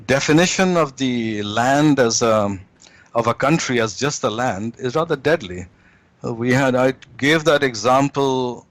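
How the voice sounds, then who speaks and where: A man speaking as an interview guest, holding forth in a measured, deliberate lecturing way, often pausing on fillers. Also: medium pitch, no echo. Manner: measured, deliberate, with frequent hesitations. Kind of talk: lecturing commentary.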